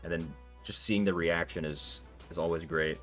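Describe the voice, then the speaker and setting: A gamer with a low, steady, slightly bright voice talks at normal speed on his livestream. Loose and chatty, he answers his viewers with plenty of fillers, and faint background music can be heard.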